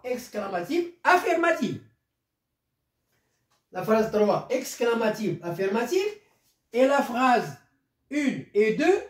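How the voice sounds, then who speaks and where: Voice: medium pitch, echoey room. A primary school teacher explaining a grammar lesson step by step and repeating key phrases.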